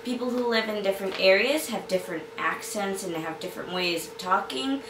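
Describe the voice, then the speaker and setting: A young author with a slight Boston accent talks to camera in a casual tutorial, sharing chatty, upbeat writing tips with lots of fillers. Her mid-range voice moves fairly quickly. The room is echoey, the mic is distant, and there's background noise.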